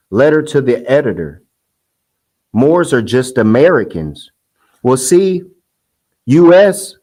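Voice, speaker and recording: In a heated, scoffing casual monologue, a man hosting a commentary show rambles and restarts, delivering mocking quotes in a sing-song voice. His voice is on the high side and a little mellow, captured in a rough recording.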